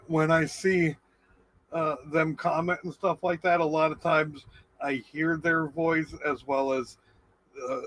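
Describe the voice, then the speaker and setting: A middle-aged man hosts a livestream, chatting casually with viewers in a laid-back, rambling, stoner manner. His voice is on the high side and a bit bright, and the recording is dry and of poor quality.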